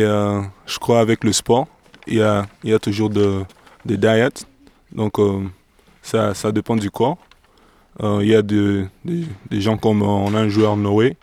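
A man's voice: lowish voice, gravelly, darkish tone. A young man from DR Congo, a professional basketball player answering interview questions hesitantly and searching for words.

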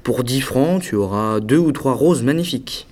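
A meek, well-meaning clerk husband in an audiobook story, voiced by a man. He speaks gently and coaxingly, in a voice of ordinary middle pitch. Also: expressive, moderate pace, natural voice. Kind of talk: audiobook dialogue.

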